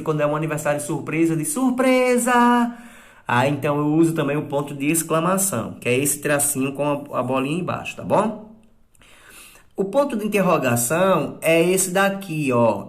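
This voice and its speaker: A man with a fairly high voice gives a recorded lesson to children. He explains patiently and step by step, pausing often to check that the class is following. Now and then he acts out sample exclamations, stretching them out in a raised voice. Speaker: teacher.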